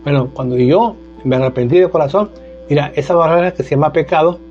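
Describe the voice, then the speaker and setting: A man's voice: fairly high pitch, a little fast. A man preaching an informal sermon, talking conversationally and often asking "¿verdad?". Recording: dull lo-fi sound with faint music.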